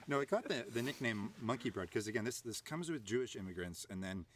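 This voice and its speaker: A man's voice: medium pitch, animated, fast, a little hiss or hum. A man hosting a live stream show, chatting casually and joking, with plenty of filler words. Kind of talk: casual chat.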